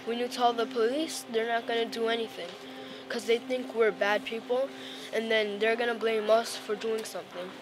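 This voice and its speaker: A woman's voice: on the high side, little pitch movement, moderate pace, background noise. A young woman describing events chattily, peppering her speech with "like". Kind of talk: casual storytelling.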